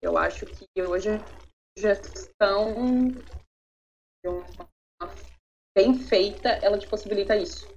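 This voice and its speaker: A woman's voice: medium pitch, fairly even intonation, slow pace, vocal fry, long pauses. A Brazilian woman in her thirties, an interviewee telling personal stories in an earnest way and often tagging her sentences with a questioning word. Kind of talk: reflective personal storytelling. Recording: slightly dull audio with faint noise.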